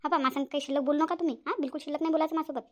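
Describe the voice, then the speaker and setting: A woman voices an indignant young daughter-in-law in a cartoon, speaking very fast in a high, natural voice with a Vidarbha Marathi accent. Her intonation stays fairly even as the sharp-tongued character defends herself with indignation.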